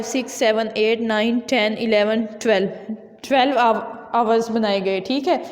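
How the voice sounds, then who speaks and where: A woman's voice: fairly high pitch, a little mellow. A woman with a Pakistani accent teaching a classroom lesson. She explains step by step, mixes in English school words, and keeps checking with her students. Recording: echoey classroom with long reverb.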